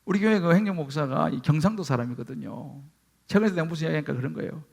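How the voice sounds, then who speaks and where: Male pastor, high lively voice, gravelly and husky, animated sermon storytelling. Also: very fast. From Gyeongsang region, Korea. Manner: animated storytelling, acting out quoted speech.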